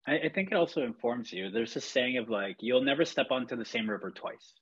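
A man's voice: medium pitch, expressive, a little fast, a bit bright, breathy edge, dull audio. A man from Chile, a photographer, talking in a rambling, reflective way with many fillers and restarts. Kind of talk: casual podcast chat.

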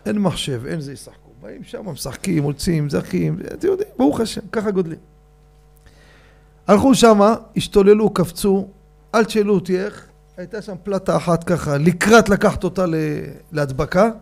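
A man giving a rabbi's storytelling sermon, animated and addressing his audience directly. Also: sits high, vocal fry, husky.

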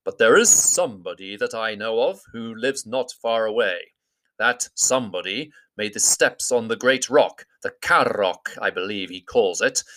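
Guy doing a grand old wizard, formal and bossy, bright edge. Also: lowish voice, animated, normal speed, low-quality recording. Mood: grave. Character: old male wizard, wise and commanding.

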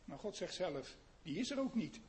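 A man preaching a sermon in an earnest way, asking his listeners questions and swinging between hushed and loud emphasis. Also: sits high, big pitch swings, moderate pace. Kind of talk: sermon on a psalm.

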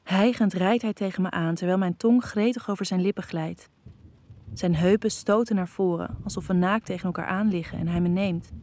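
A woman narrating a first-person erotic audio story, calm and intimate. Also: lowish voice, no echo.

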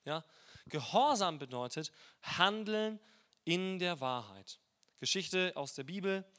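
A man preaching a sermon in a lively, colloquial and playful way, telling stories with energy. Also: high-pitched, slow pace.

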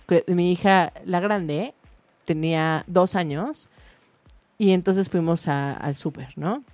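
A woman, chatting casually about parenting and telling a lively anecdote with acted-out voices. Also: lowish voice, slow pace, no echo. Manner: animated storytelling, acts out voices in anecdotes.

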